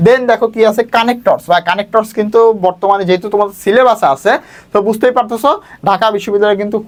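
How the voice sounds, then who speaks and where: A young man, coaching students through exam topics in a brisk tone and calling them brother. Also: high-pitched. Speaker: admission test tutor. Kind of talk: exam prep lesson.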